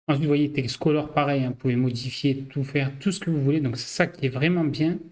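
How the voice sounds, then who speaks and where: Man, casual software tutorial host, chatty filler-heavy walkthrough, mid-pitched voice. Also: steady tone, brisk. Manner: loose, filler-heavy walkthrough with frequent "hop" and "vous voyez". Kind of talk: casual screen-share tutorial.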